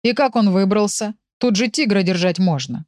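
A woman's voice: medium pitch, animated, moderate pace, darkish tone, no echo, clean studio sound, lightly acted. Woman voicing a jovial village man. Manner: jovial, folksy. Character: good-natured village man, curious neighbour. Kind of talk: audiobook character voice.

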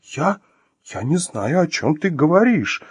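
A man's voice: a little high, very animated, a little slow, husky, dry recording, studio quality, pitched above the performer's own voice, full character voice. A man voicing a terrified young woman, an ex-wife who pleads shrilly through tears, in an audiobook. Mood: whimpering.

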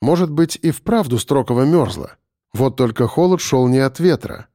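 A man narrating an audiobook in an expressive, storytelling way. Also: medium pitch, moderate pace, no room sound, studio quality. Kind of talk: scripted narration.

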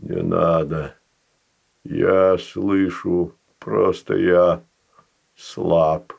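A man voicing an ancient, gentle male ice golem who speaks faintly, slowly and haltingly, in a storybook reading. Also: low-pitched, fairly even intonation, gravelly, voice pushed down, full character voice. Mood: weak. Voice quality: faint rustling voice. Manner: slow, halting, pauses between words.

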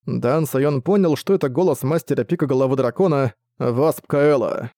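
A man narrating a fantasy novel in a steady, measured storytelling manner. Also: mid-range voice, dry recording, clean studio sound. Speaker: audiobook narrator.

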